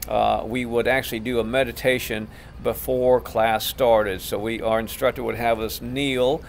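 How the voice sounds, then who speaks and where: A man's voice: mid-range voice, level tone, moderate pace, vocal fry, slight background noise. A middle-aged man, a martial arts instructor, teaching class terms in an instructional video, patiently repeating each term.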